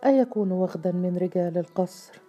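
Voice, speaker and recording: A woman's voice: lowish voice, brisk, warm tone, lo-fi sound, faint music behind, natural voice. A woman reading the part of a wise young queen who worries over a secret, in a storybook tale. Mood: worried. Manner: earnest, worried.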